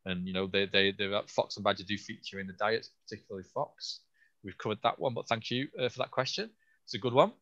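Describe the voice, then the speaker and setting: A scientist hosting an online Q&A, answering questions haltingly with many restarts while losing his voice a little. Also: lowish voice, fairly bright tone, muffled recording. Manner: halting, with frequent restarts and fillers. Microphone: video call.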